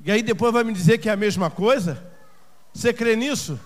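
A man preaching a sermon as pastor in a church, swinging between shouted peaks and hushed passages. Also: sits high, a little fast. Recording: long church reverb, faint noise.

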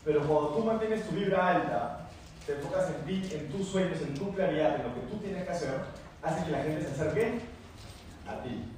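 A high-pitched male motivational speaker talks animatedly, repeating phrases and throwing questions at his audience. The room around him is very echoey. The mic sits at a distance and picks up a faint hiss. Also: normal speed, darkish tone. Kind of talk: motivational talk with anecdotes.

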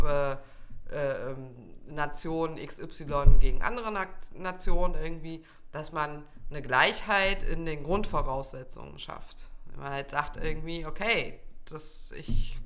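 A woman co-hosting a relaxed podcast conversation. She talks in a halting way, restarting and searching for words as she thinks aloud. Her voice has a bright, forward edge. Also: low-pitched. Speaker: podcast co-host. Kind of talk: casual chat.

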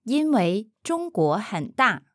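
Slow, lively-voiced woman modeling Mandarin. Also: medium pitch, no echo, studio quality. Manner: slow, careful pronunciation, says each phrase twice. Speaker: Mandarin speaker modeling answers. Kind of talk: slow repeated model answers.

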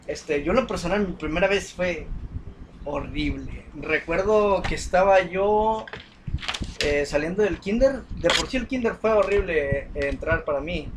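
High-voiced young guy. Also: unhurried, noisy background. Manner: storytelling, many fillers and restarts. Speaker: podcast co-host. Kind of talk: casual chat.

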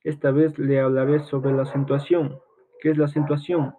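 A man giving a grammar lesson, speaking slowly and deliberately and stressing the syllables of his example words. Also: a little high, flat delivery, a little hiss or hum. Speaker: teacher. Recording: tinny phone-like audio.

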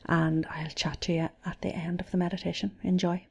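Soft, slow woman guiding a meditation. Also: fairly low pitch, level tone, muffled recording. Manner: soft, slow, soothing, partly breathy. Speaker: meditation guide. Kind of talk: scripted guided meditation.

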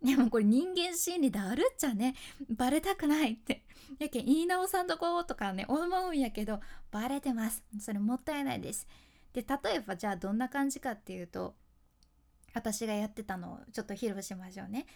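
A woman's voice: on the high side, lively intonation, a little fast, creaky, darkish tone. A young woman speaking with a Kyushu dialect, a speaking coach giving a chatty lesson, laughing often and teasing herself. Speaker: speaking coach, freelance announcer. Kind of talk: casual instructional talk.

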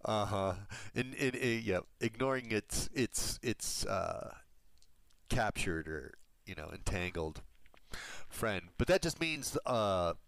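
A man running a tabletop game over voice chat as game master, musing through his rulings with low-key restarts. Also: lively intonation, slow, a bit bright. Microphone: home headset or desk mic, level jumping.

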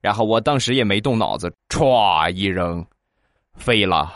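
A man telling short comic anecdotes in a lively storytelling manner, slipping into acted voices. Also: lowish voice, measured pace, very noisy. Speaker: comic joke teller.

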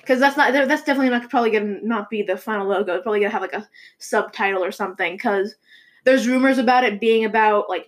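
A young woman hosting a casual movie news chat, rambling with many fillers and restarts. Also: fairly high pitch. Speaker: show host.

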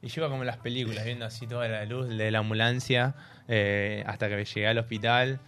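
Rioplatense radio man, animated storyteller. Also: mid-range voice, fairly quick, smooth. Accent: Rioplatense Spanish. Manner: animated storytelling, laughing through it. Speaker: radio co-host. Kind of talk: casual radio chat. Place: radio studio.

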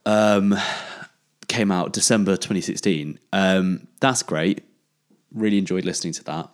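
A man's voice: low-pitched, a little slow. A man hosting a casual chat, hesitant and searching for words with many ums. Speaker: podcast host.

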